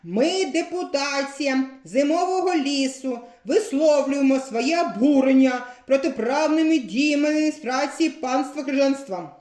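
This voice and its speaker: A woman's voice: high-pitched, animated, unhurried, hardly any pauses, darkish tone, echoey room, voice pushed up. A woman voicing an old Grandfather Frost who leads a protest, declaiming as if at a rally.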